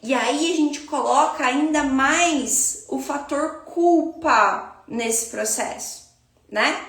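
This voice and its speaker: A woman's voice: high-pitched, slow, a bit bright, roomy sound. A woman with a Brazilian Portuguese accent giving a spiritual self-help talk as a teacher, speaking reflectively and addressing the listener directly.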